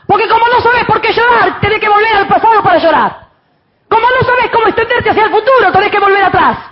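A female pastor with a Rioplatense Spanish accent gives a fervent sermon, alternating shouted exclamations with quiet, intimate counsel. She speaks very fast in a very high-pitched voice, and the recording's highs are cut off.

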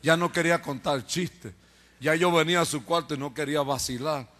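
Bright-voiced man telling a joking testimony. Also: on the high side, brisk. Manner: acts out quoted voices, jokes and laughs at himself. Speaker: preacher giving his testimony. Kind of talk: humorous testimony storytelling.

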